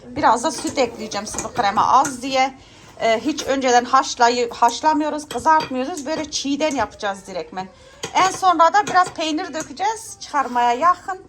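A talkative woman with a high voice chats away in her home kitchen while cooking. She laughs often and tells her stories loudly, with a faint hiss of noise behind her. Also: moderate pace. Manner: chatty, laughs often, loud storytelling. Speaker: vlog host. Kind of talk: casual kitchen chat.

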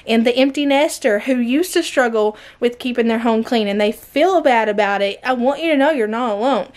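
Woman, high-pitched, chatty, encouraging, self-deprecating, home vlog, camera at arm's length. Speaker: vlogger. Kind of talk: casual clean-with-me vlog. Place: small home bedroom and bathroom.

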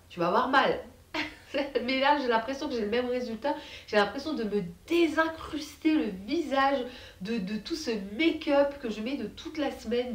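A woman's voice: on the high side, roomy sound, distant mic. A French woman chatting casually as a beauty vlogger, bubbly and full of fillers. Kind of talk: casual chat to camera.

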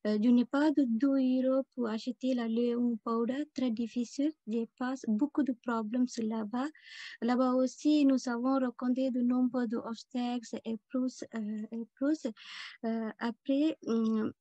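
Non-native French speaker, woman, Sri Lankan accent, slow and halting, higher-pitched, dull call audio. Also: fairly even intonation, mellow, dry recording. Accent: foreign accent in French, Sri Lankan. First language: not French. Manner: halting, searching for words in broken French. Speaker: guest giving a testimony. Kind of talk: personal testimony in halting French. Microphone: video call.

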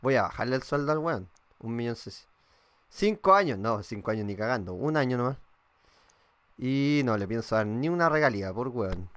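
A young Chilean man with a medium-pitched, animated voice talks at a moderate pace while live-streaming a football game. He chats casually, swears, reads his viewers' messages aloud, and thinks out loud as he plays.

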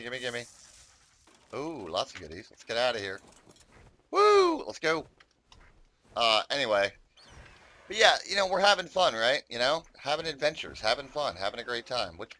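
A man's voice: medium pitch, sharp tone. A man giving casual, rambling commentary on his own gameplay, chatting to viewers and swearing often. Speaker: gaming YouTuber.

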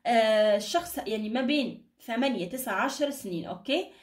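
A woman hosting her own channel sits at a table indoors and gives an informal fortune-telling card reading to camera, speaking briskly and reassuringly with endearments and blessings. Her voice is a little high with lively intonation but sounds tired and strained. The room is echoey, and she's recorded from a distance, a little away from the microphone.

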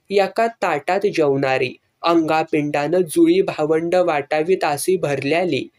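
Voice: mid-range voice, darkish tone. A narrator reading a serialized novel aloud in a rural storytelling manner. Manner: slow, storytelling in rural dialect.

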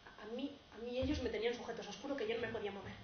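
A young woman acting as a poor, grieving male peasant farmer in a tragicomic stage monologue, telling the story in a broken, halting way. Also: a little high, distant mic, a crowd in the background, lightly acted. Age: young adult. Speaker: drama student. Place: theatre stage. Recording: dull, roomy stage recording, noisy.

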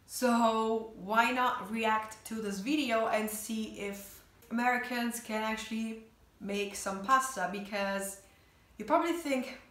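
A woman in her twenties from Italy chats casually to camera for a reaction video, her Italian-accented voice a little high and a bit bright. The vlogger sits on her bed in a small bedroom, and the sound is roomy and echoey.

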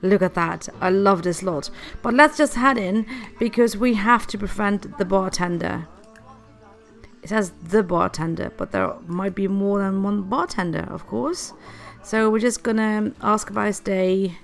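Soft music plays in the background as this woman, sick with a cold, hosts relaxed commentary over a life-sim game and talks to the characters. Her pitch is medium, her pace measured, and there's vocal fry in her voice.

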